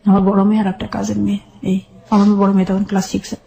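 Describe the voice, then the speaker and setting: Speaking fast in a gravelly, dark, monotone mid-range voice, this middle-aged woman with a Bangladeshi accent tells her life story as a guest on the radio. She goes through it step by step, plainly and with a sombre air.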